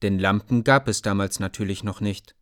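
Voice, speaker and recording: A man's voice: lowish voice, moderate pace, dry recording, studio quality. Man reading a children's story. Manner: addresses listeners directly, warm storytelling.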